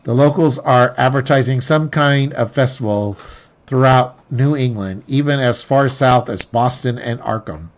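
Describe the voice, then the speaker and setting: A man reads the story text of a tabletop game aloud at an ordinary middle pitch, tripping over words and going back to fix them. The recording is dull and lo-fi, lacking crispness. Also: moderate pace. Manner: stumbling restarts and self-corrections while reading. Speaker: player reading the scenario aloud. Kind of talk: reading game narration aloud, with slips. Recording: dull lo-fi sound.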